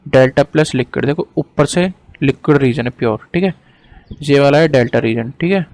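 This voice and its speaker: Working from an on-screen diagram, this man teaches in a relaxed way: definitions come slowly, one word at a time, while his explanations in between move more quickly, and he sometimes apologizes for his hesitations. His mid-range voice is gravelly and a little mellow.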